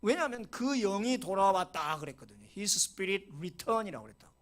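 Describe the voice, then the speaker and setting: Speaking at a normal speed in a high, lively voice, a middle-aged male pastor gives a sermon. His storytelling is dramatic, with whispers giving way to loud exclamations, and short English phrases appear throughout.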